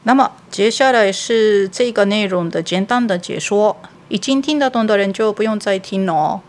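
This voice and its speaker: A woman teaching a language lesson, slowly and carefully demonstrating how word accents differ. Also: medium pitch, soft background music.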